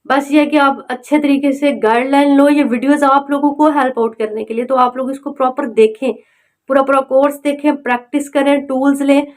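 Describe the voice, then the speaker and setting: A woman with a high, fairly evenly pitched voice gives a motivational online-selling tutorial at a slightly quick pace. She urges viewers on, addressing them directly and repeatedly checking in with "okay".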